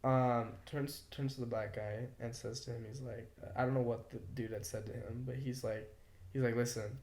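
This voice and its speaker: A man's voice: mid-range voice, steady tone, moderate pace, darkish tone. A young man co-hosting a podcast, telling a story in a casual, heated way, swearing freely and filling his speech with "like". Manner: swears freely, loose and heated, heavy on "like" fillers. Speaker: podcast co-host. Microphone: podcast mic. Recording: roomy echo.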